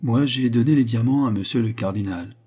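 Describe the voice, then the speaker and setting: A man's voice: medium pitch, fairly quick, mellow, slightly rough, voice pushed up, close to an everyday voice. A man reading an audiobook, voicing a scheming noblewoman who answers with feigned humility. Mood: feigned meekness. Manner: guarded, falsely meek.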